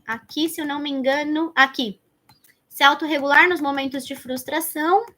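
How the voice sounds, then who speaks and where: Bright high-voiced Brazilian woman teaching. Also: moderate pace. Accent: Brazilian Portuguese. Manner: conversational, addresses viewers directly, thinks aloud. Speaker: educator teaching child development planning. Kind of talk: explanatory online lesson.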